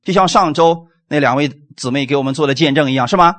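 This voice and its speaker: A man preaching a sermon, animated and full of rhetorical questions, closing his points with "amen". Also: fairly high pitch, fast talker.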